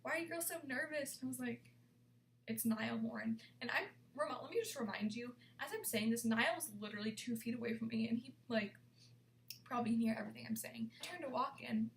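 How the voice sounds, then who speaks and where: Young woman, storytime vlog, excitable and dramatic, slips into whispers, gravelly fry, slightly high voice, faint hiss behind. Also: fast. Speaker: vlogger.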